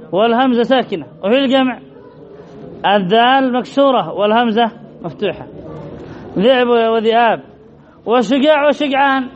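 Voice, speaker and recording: A man teaching an Arabic grammar lesson, reading a text and explaining it slowly and methodically, asking questions and answering them himself. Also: very high-pitched. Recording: dull lo-fi class recording with faint noise.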